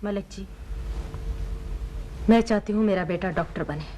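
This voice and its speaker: A woman's voice: medium pitch, normal speed, dark tone, lightly acted. An actress playing a determined mother who firmly defies her husband.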